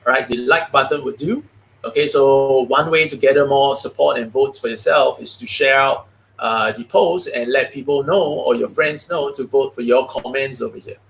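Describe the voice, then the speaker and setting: A man hosting a live investing stream, chatty and quick, filling his talk with "okay" and "all right". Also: medium pitch, creaky, fairly bright tone. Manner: chatty, many "okay, all right" fillers, fast talking. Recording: roomy echo.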